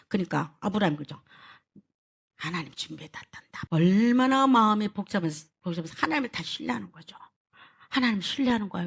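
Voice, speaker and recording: Lively, bright-voiced woman pastor preaching. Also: fairly high pitch, husky. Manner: animated storytelling, addressing the congregation. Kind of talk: sermon.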